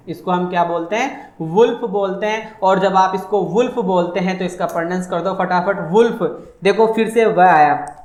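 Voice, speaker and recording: A man with a high-pitched voice teaches an online exam-prep phonetics lesson in an echoey room. He repeats each point and poses questions that he then answers for his students.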